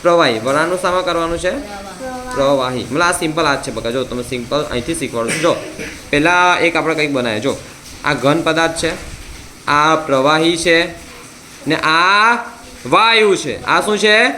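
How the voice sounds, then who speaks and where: Male tuition teacher, Gujarati accent, bright and forceful, drills students with repeated question-and-answer, slightly high voice. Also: lively intonation, fairly quick, slight background noise. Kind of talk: classroom science lesson. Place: tuition classroom.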